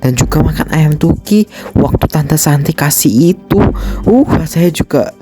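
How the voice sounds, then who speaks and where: A woman's voice: low-pitched, lively intonation, normal speed, dark tone, faint music behind. A woman voicing a greedy, envious teenage girl in an amateur game drama, talking in a chatty, whiny way. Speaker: voice actor for a fan drama.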